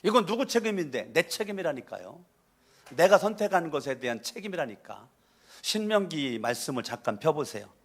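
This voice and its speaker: A pastor from Chungcheong preaching a sermon, emphatic and repetitive, often calling on the congregation to answer. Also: male voice, on the high side, big pitch swings, fairly quick, fairly bright tone. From Chungcheong, Korea. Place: church sanctuary.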